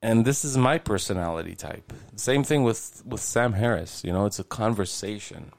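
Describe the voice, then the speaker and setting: A man in his late forties talks straight to his listeners on a solo podcast, rambling and swearing as it comes. His voice sits very low and has a gravelly fry, and it is recorded close and dry. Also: moderate pace, no room sound. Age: 40s. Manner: rambling, conversational, swears casually. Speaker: podcast host. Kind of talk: casual solo podcast monologue.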